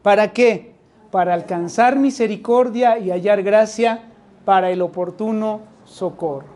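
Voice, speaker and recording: A man's voice: sits high, measured pace, a little mellow. A man with a Mexican accent preaching a sermon, often turning to his listeners with rhetorical questions. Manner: addresses the congregation with rhetorical questions.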